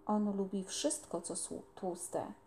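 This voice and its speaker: A woman's voice: medium pitch, slow, dark tone, a little hiss or hum, natural voice. A woman reading aloud, voicing a cheerful country boy who gardens, with an eager, rustic manner. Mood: easygoing.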